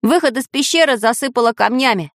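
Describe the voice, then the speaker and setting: A woman's voice: fairly high pitch, animated, fairly quick, no room sound, clean studio sound, pitched above the performer's own voice. A woman voicing a practical, matter-of-fact metal tinkerer man in a children's audiobook. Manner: matter-of-fact, a little glum.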